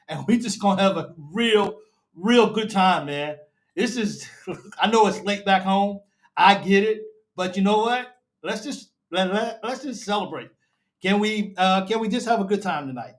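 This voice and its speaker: A man hosts a live fan show, excited and emotional, repeating himself and calling listeners baby and bro. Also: high voice.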